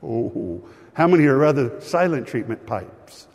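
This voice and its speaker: A male pastor preaching a sermon to a live congregation, animated and joking with the crowd. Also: medium pitch, unhurried, breathy edge, big-room sound.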